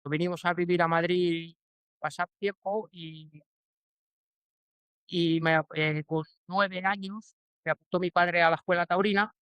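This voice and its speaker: A man's voice: high voice, steady tone, measured pace, fairly bright tone, clean tone, no room sound. A Spanish man in his forties, a guest in a casual interview, answering in a hesitant way with many restarts and fillers. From Spain. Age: 40s. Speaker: bullfighter guest.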